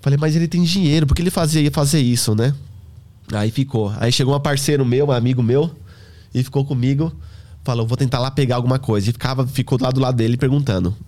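A man's voice: medium pitch, fast. Slangy man telling a story. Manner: animated, acts out dialogue with slang. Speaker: hair stylist guest. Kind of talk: casual podcast storytelling.

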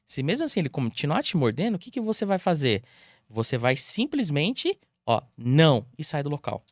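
A Brazilian man in a fast, lively explanation as a podcast guest, his voice a bit higher than most men's. He keeps acting out owners and dogs in quick little voices. The sound is close and dry. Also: dry recording. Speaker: dog trainer, guest. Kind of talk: casual interview talk.

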